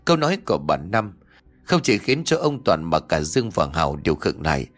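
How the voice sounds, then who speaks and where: A man narrates a scripted story in a low, steady voice. He reads at an even, measured pace, with soft music faintly under him.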